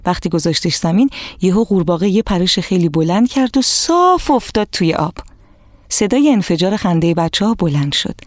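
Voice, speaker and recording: Lively woman telling a children's story. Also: on the low side, no room sound, clean studio sound. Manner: lively and expressive, addresses the children directly. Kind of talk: scripted storybook narration for children.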